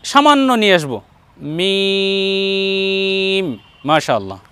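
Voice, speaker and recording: A man with a Bangladeshi Bengali accent teaching Arabic letter pronunciation in an online Quran lesson, speaking slowly and patiently and drawing out each letter sound. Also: high-pitched, lively intonation, a bit bright. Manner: slow, patient, drawn-out letter demonstrations.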